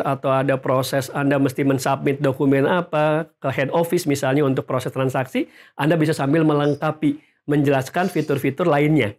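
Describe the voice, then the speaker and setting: A male sales trainer speaks in a lively, coaching way, addressing viewers directly. His voice sits somewhat above the usual male range. He lists the points and checks in with the listeners as he goes. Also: fairly high pitch. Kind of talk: instructional video talk to camera.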